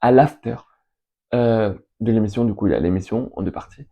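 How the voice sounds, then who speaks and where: A young man chatting casually as host, answering questions in an enthusiastic, rambling way and listing names between pauses. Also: lowish voice, mellow, dull audio. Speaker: fan video host answering viewer questions. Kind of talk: casual chat.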